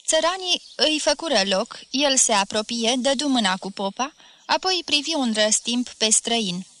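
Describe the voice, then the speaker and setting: A woman narrating a classic story, reading in a steady, measured way. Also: on the high side.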